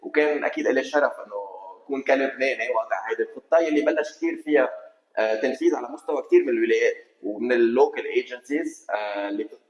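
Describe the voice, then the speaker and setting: Guest: middle-aged man, Lebanese accent, mid-pitched, rapid and detailed, roomy mic sound. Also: dull audio. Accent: Lebanese Arabic. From Lebanon, Kesrouan. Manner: fast, detailed, eager explaining. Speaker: podcast guest, engineer. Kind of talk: casual interview conversation. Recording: roomy studio echo.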